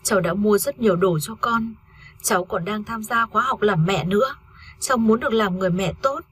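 A woman's voice: medium pitch, moderate pace, husky. Woman voicing a grieving young wife, tearful. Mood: distraught. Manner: tearful, pleading. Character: grieving young woman who lost her baby.

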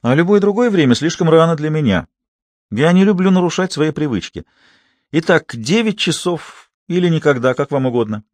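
A man's voice: a little high, expressive, normal speed, a little mellow, no echo, pitched above the performer's own voice, natural voice. A man voicing an ironic polite young deputy. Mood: ironic courtesy. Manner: icily courteous, ironic. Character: young male deputy, coolly polite and mocking.

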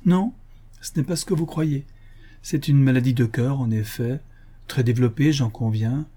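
A man voicing an old male family doctor in a read-aloud novel, who speaks frankly and jokes gently. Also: mid-range voice, moderate pace, natural voice. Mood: frank, reassuring.

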